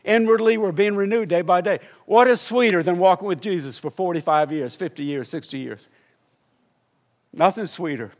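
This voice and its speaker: A man's voice: high voice, normal speed. An older man, a missionary preacher, telling a story in a sermon and building to fervent exclamations.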